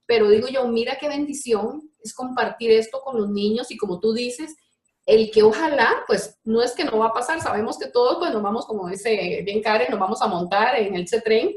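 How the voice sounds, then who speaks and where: A woman with a fairly high voice chats casually and tells her story with animation. The room behind her carries a noticeable echo. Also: moderate pace. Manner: animated storytelling, quotes a child. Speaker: participant. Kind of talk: casual chat. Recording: echoey room.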